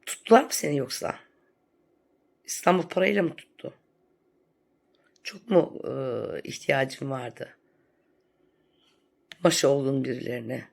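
A woman's voice: extremely low pitch, animated, a little slow, vocal fry, long pauses, husky. A woman vlogger delivering a sarcastic, scolding rant in a commentary vlog.

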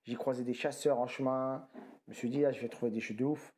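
A man's voice: medium pitch, fairly even intonation, quick pace, a little mellow. A tired man in casual talk, showing off his flea-market video game finds, rambling and often correcting himself with slang. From France. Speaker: retro game collector vlogger. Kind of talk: casual haul commentary.

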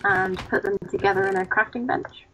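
A woman's voice: mid-range voice, fairly even intonation, brisk, bright, forceful tone, slight background noise. A young woman hosting a co-op game video, chatting in a rambling, giggly, self-mocking way. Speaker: let's play host. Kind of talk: casual co-op gaming chat. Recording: dull lo-fi mic.

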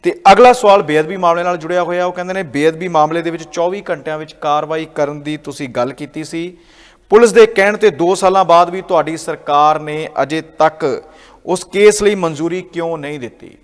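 A man presenting news commentary as an anchor, in a measured, explanatory way. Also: a little high, in a large hall.

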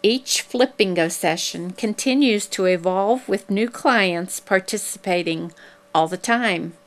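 A woman reads a scripted promotional narration. Her voice sits at a middle pitch, and she explains things in a measured, unhurried way.

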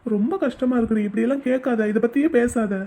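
A woman voicing a gentle, devoted young man who coaxes and comforts his wife in an amateur audio drama. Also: on the high side, quick pace. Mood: soothing. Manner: soothing, coaxing.

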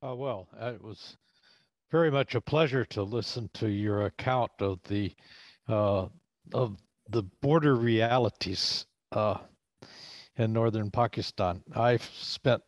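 Over a video call, a professor puts a conversational question to an online talk, hesitating and filling his speech with fillers as a bad internet connection breaks up his voice. He speaks at a measured pace with a fairly low pitch, and the audio is dull, lo-fi, and dry with no room sound.

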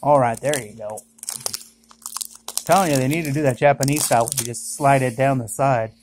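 A vlogger chatting casually indoors while opening trading card packs, with excited exclamations at each good pull. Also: medium pitch, a little fast, slight background noise. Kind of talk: casual unboxing commentary. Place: indoors at home.

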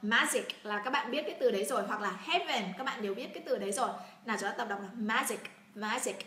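A woman's voice: a little high, fast talker, bright, forceful tone, roomy sound. A woman from Vietnam teaching an English pronunciation lesson, repeating words and prompting her learners to say them aloud.

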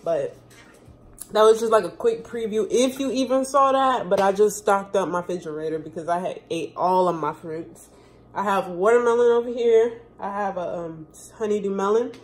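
In her twenties, this vlogger chats casually to a phone camera propped close on her kitchen counter at home. Her voice sits in the mid range at a moderate pace, and she rambles along with plenty of fillers.

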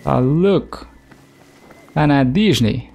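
A man's voice: mid-range voice, expressive, takes it slowly, creaky, a little mellow. A young Brazilian man with a Brazilian Portuguese accent, joking and swearing casually as he streams gameplay and talks to teammates. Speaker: gaming streamer. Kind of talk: casual live gameplay commentary. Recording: faint game noise behind.

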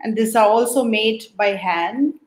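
A woman's voice: a little high, unhurried. A middle-aged woman from Manipur in northeast India with a Naga accent, talking as an interview guest on a video call. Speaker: guest, sociology professor. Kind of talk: interview talk. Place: book-lined room at home.

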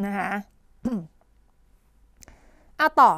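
A woman teacher explaining English idioms in a televised tutoring lesson, coughing now and then and dotting her talk with polite fillers and quick questions to the class. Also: dry recording, clean studio sound. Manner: coughs and clears her throat often.

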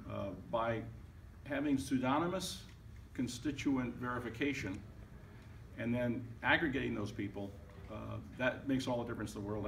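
A man's voice: mid-range voice, vocal fry, a bit bright. An older man fields audience questions at a tech event, emphatic and a little wry, with a mid-range voice. He sounds somewhat off the mic, and a faint room hum sits under his words. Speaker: speaker at a tech summit. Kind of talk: conversational Q&A answers. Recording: distant, noisy event room.

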